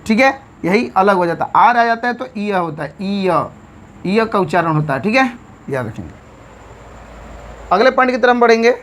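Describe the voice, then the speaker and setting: Indian lady teaching english words, spells each one out slow, keeps saying theek hai. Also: mid-range voice, animated, a little hiss or hum. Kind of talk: online vocabulary lesson.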